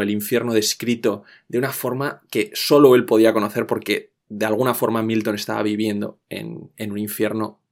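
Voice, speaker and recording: Male podcast guest, mid-pitched voice, animated explainer who often restarts his sentences. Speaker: literature guest explaining a classic.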